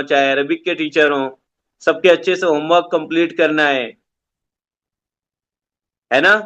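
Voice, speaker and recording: A man's voice: on the high side, fairly bright tone, smooth, dull audio. A man teaching an online Islamic studies class to children over a video call, giving simple, repetitive instructions.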